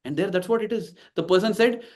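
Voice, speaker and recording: A man's voice: high voice, fast talker, darkish tone. A man in his forties with an Indian English accent, giving an emphatic devotional talk to a congregation and acting out the dialogue in his stories. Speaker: invited speaker at a devotional gathering.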